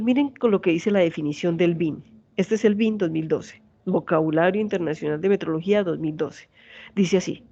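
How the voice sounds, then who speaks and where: A woman's voice: lowish voice, creaky, warm tone, highs cut off. A woman in her forties with a Santander Colombian accent, a university teacher giving an online lecture and often asking her students questions. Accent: Santander Colombian Spanish. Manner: asks students many check questions.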